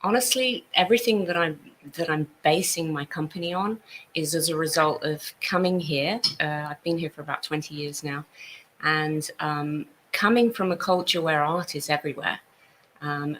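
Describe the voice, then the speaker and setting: Low bright woman from Italy. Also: normal speed, a little hiss or hum, rough recording. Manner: friendly, earnest, explanatory. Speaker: guest, art events business owner. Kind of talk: casual chat.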